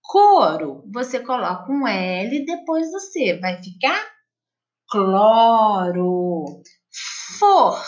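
Patiently going over homework exercises with children, this woman teacher has a Brazilian Portuguese accent and a slow, sing-song classroom delivery. Her voice is high-pitched and the audio is lo-fi.

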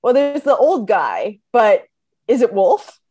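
A woman's voice: on the high side, sing-song, slow, very noisy. A woman guest in a casual chat, eager and chatty.

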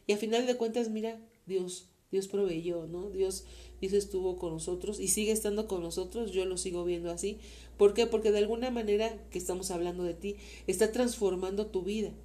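A woman's voice: medium pitch, steady tone, fairly quick, dark tone. A woman with a Mexican accent, a mother talking with her son in an interview, earnest and faith-filled, rambling with many fillers. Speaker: interview guest, mother of the host. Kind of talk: casual heartfelt conversation.

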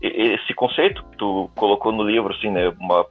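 Low-voiced male interviewer over a tinny line. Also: fairly quick, faint music behind. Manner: lots of fillers and affirming murmurs. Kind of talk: casual interview questions.

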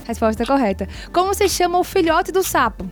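High-voiced woman hosting a radio quiz. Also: big pitch swings, soft background music. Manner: brisk, upbeat, reads questions slowly and clearly. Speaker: radio show host, quiz master. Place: radio studio.

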